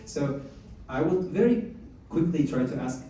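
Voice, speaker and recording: With a fairly high pitch and a measured pace, a man runs a live meetup before an audience, chatting animatedly and encouraging people to participate. Heard from a distance, the room echoes and carries faint noise.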